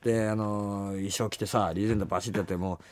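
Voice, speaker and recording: A middle-aged man, a musician, chatting casually and telling stories in an animated way, acting out the lines of people he quotes. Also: fairly low pitch, fast talker, no echo. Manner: animated storyteller who acts out quoted exchanges. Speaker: musician and show host. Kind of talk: casual chat.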